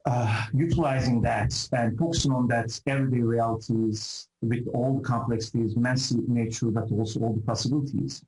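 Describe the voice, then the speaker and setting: A man's voice: medium pitch, darkish tone, echoey room, low-quality recording. A middle-aged man from Turkey with a Turkish accent, a professor answering interview questions in a hesitant, reflective way with many fillers and restarts. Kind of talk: thoughtful academic interview answers.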